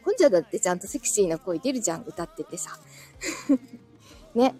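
A woman's voice: medium pitch, sing-song, a little fast, dark tone, faint music behind. A woman hosting a casual livestream, chatting with listeners, reading their comments aloud and laughing often.

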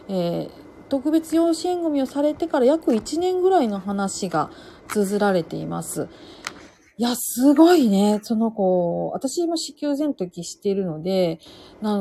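Chatty woman with a mellow voice. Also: medium pitch, slight background noise. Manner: chatty, many fillers, lively swings in loudness. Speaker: podcast host reviewing books. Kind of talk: casual solo talk.

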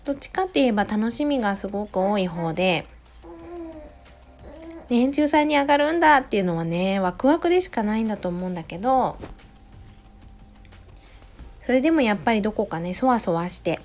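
Woman, thirties, mother, gentle chatty solo talk, close mic, faint background music. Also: mid-range voice. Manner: gentle, chatty, many soft "ne" tags. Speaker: podcast host, mother of a preschooler. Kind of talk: casual solo audio diary.

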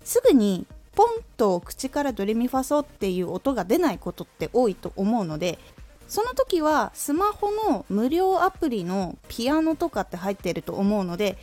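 A woman, a former voice actress, talking through speaking tips on her own radio show in a clear, careful, teacherly way. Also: fairly high pitch, big pitch swings, dark tone, faint music behind. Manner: clear, careful teacherly delivery with deliberate demonstrations. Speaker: voice-training radio host. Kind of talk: scripted tips talk.

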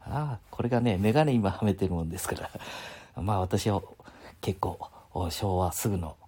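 A man's voice: low voice, normal speed, dark tone, slightly rough. A man in his seventies with a Mikawa dialect, chatting casually and rambling on a live stream from his home, often chuckling. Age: 70s. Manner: rambling, chuckling, talks to himself.

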